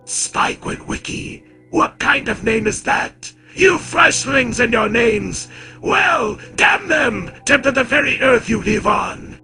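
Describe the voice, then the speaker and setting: A man's voice: very high voice, very animated, slow, gravelly, voice pushed up, heavily acted. A man voicing a furious, gloating giant robot warlord with harsh, strained, menacing mockery over music. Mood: contemptuous rage. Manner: menacing, mocking, shouted threats.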